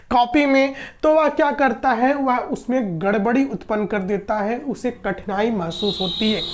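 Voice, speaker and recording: Woman teacher, slightly high voice, patient exam-prep lecture, repeats and rephrases. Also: a little mellow. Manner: explanatory, repeats and rephrases, asks and answers own questions.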